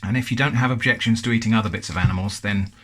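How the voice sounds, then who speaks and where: A man's voice: on the low side, very fast, a bit bright. An English man hosting a casual food review, chatty and thoughtful with a self-deprecating touch.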